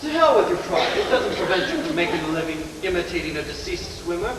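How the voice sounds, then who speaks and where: A high school actor playing an indignant gentleman in a high, exasperated voice, firing back disbelieving retorts. He sounds distant in a very echoey hall with long reverb and clear tape hiss. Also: lively intonation, fast talker. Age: teens. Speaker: student actor. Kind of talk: 1980s high school stage play. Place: school auditorium stage. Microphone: distant camcorder mic. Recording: echoey auditorium, far from camera, audible hiss.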